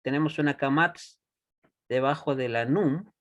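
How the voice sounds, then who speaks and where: A man teaching a Hebrew class, patient and deliberate, often checking that students follow. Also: medium pitch. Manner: patient, checks understanding with frequent "¿ya?"; slow and deliberate, repeats words for students. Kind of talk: classroom lesson.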